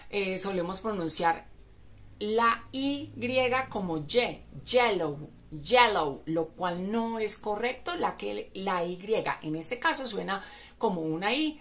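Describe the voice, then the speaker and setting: A woman with Spanish as her first language, teaching English pronunciation and repeating each word slowly for practice. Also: mid-range voice, animated, fairly bright tone. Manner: repeats words slowly for drilling. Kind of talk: pronunciation lesson.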